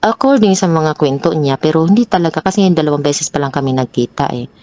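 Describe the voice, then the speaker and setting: A woman telling her own troubled story as a guest, hesitant and halting with many restarts. Her pitch jumps up sharply when she relives an argument. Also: lively intonation, warm tone, no room sound, highs cut off. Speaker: guest sharing a personal story. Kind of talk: confessional personal storytelling.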